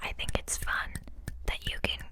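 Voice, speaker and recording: A young woman whispering slowly and softly while showing objects in an ASMR video. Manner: slow, soft whisper. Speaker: ASMR co-host.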